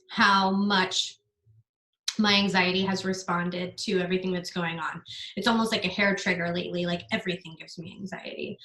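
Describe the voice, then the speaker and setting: Earnest young woman coaching in an echoey room. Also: medium pitch. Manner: earnest, energetic, casual with occasional swearing. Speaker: business coach giving a masterclass. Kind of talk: casual online masterclass.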